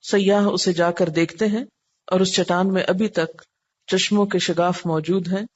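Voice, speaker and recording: A woman's voice: lowish voice, fairly even intonation, a little mellow. Woman teaching scripture word by word. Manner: asks the class rhetorical questions and answers them; patient, explanatory teaching tone. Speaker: Quran teacher. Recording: dull lo-fi with faint hiss.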